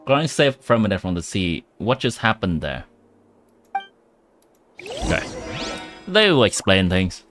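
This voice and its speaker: A man's voice run through an AI voice changer, chatting playfully with his stream viewers as he plays. His pitch swings widely from line to line, while game music plays clearly behind him. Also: wildly swooping pitch, measured pace, pauses often, fairly bright tone. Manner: chatty, playful, talks to chat. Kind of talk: casual live-stream chat over gameplay.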